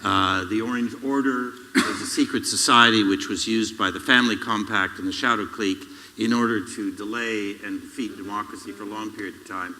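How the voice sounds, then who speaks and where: Low, bright-edged male moderator, dry wit, echo of a big hall. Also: steady tone, brisk, few pauses, slight background noise. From Northern Ireland background. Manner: wry, lecturing with dry jokes. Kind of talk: public panel discussion. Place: public event hall. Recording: reverberant hall.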